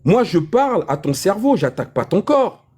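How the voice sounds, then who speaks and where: A man's voice: sits high, sing-song, moderate pace, darkish tone, husky. A man lecturing insistently in a heated public debate, repeating his points. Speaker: debate speaker.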